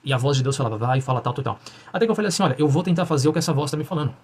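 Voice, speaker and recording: A young man telling his personal religious testimony in an earnest, halting way, with frequent restarts. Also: a little high, darkish tone, slightly rough.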